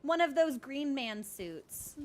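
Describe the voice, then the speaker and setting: A woman giving casual, jokey live commentary as she streams a game, speaking in an animated way and swearing freely. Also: high-pitched, slow.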